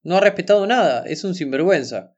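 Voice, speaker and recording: A man's voice: medium pitch, lively intonation, fairly quick, darkish tone, muffled recording, close to an everyday voice. A man voicing an upset, indignant boy who complains he is being exploited, close to tears.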